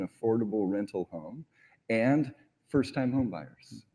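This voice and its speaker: A man's voice: lowish voice, mellow. A middle-aged man on an event stage telling stories in an interview, earnest and reflective, with frequent hesitations, on a lapel mic. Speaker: award honoree on stage. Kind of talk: onstage interview storytelling. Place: large event stage, indoors.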